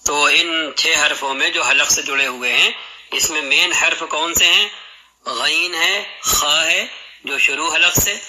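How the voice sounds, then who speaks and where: A man's voice: mid-range voice, pushed and bright, rough recording. A man teaching the articulation of letters in a patient, explanatory lesson, demonstrating throat sounds aloud as he goes. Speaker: Quran recitation teacher.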